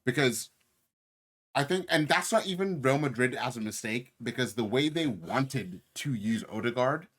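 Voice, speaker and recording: A man's voice: mid-range voice, animated, normal speed, fairly bright tone. A man co-hosting a podcast in a casual football debate, slangy and argumentative, swearing casually. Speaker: podcast co-host.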